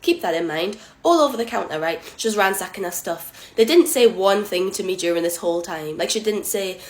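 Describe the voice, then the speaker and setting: A woman, a shop cashier, telling a storytime monologue in an animated, sarcastic way, swinging between loud bursts and low asides. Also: fairly quick.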